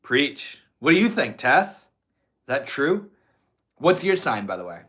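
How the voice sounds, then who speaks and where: A young man with a stuffy nose reads his livestream chat a little slowly, his medium-pitched, fairly bright voice swinging widely in pitch. He's relaxed and chatty with viewers, and he swears often.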